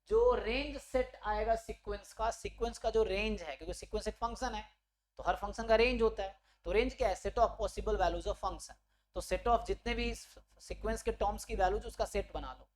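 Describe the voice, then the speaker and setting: A man teaching an online statistics class for exam preparation. He explains step by step, often checks whether students follow, and reads definitions out slowly word by word. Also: high-pitched, slight background noise. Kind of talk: online exam-prep lecture.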